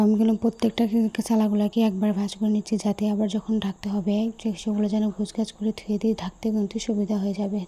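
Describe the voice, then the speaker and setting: Young woman vlogger, quiet night voice-over on a phone; mellow and breathy. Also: medium pitch. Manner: hushed, quiet talking. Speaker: lifestyle vlogger. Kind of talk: voice-over vlog narration. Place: quiet room at home at night.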